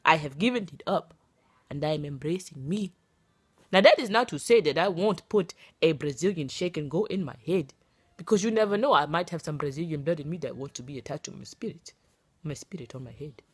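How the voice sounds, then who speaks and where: A woman's voice: low voice, animated, brisk, breathy edge, no room sound. A playful, dramatic woman from the United States in her thirties chatting casually in her vlog. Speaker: vlogger.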